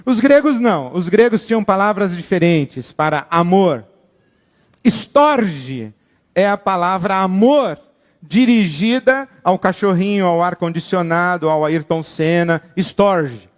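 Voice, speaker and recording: A man preaching a sermon with animated, dramatic delivery, acting out the people he quotes. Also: high voice, moderate pace, long reverb tail. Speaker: pastor.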